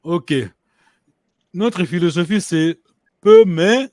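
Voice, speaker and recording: High-voiced man teaching with many pauses. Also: darkish tone, no room sound, clean studio sound. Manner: hesitant, repeats and restarts often; checks understanding with the class. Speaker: language teacher. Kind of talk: online language lesson.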